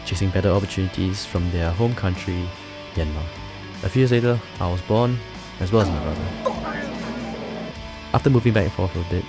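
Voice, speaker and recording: A man, reading a scripted voice-over narration. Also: deep voice. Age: 20s. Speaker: vlogger narrating. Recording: music bed underneath.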